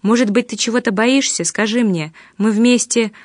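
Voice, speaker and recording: A woman voicing a fragile young woman who speaks softly and pleadingly. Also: on the high side, moderate pace, no room sound, clean studio sound, close to an everyday voice. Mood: tender pleading. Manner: soft and pleading.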